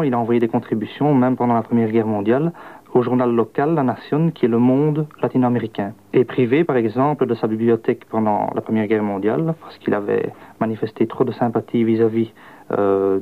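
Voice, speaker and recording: A man, a radio interview guest explaining in a measured way. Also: medium pitch, narrow, tinny audio. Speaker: guest adapter of a book.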